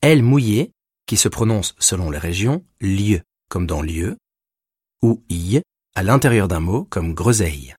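A man narrating a recorded language lesson, explaining grammar rules with slow, deliberate pauses between words. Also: deep voice, expressive, a little mellow, breathy edge, dry recording, studio quality. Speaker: language teacher.

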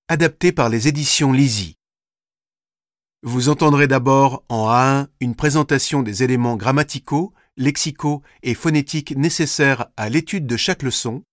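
A man slowly reading a scripted language course, with careful, deliberate articulation. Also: mid-range voice, no echo, clean studio sound. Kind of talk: scripted instructional narration.

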